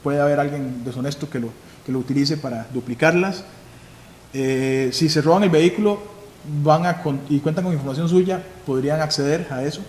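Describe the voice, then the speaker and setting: A man's voice: fairly high pitch, a little mellow. A man with a Costa Rican accent, a police chief giving a live security seminar, who asks questions and then answers them himself. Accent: Costa Rican Spanish. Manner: instructive, asks and answers his own questions. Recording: echoey hall with faint noise.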